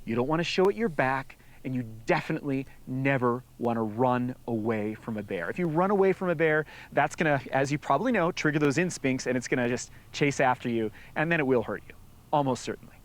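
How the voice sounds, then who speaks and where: A man explaining bear safety from his own experience in a relaxed, explanatory way, now and then acting out short quoted lines. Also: mid-range voice, a little fast. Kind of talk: informative explanation.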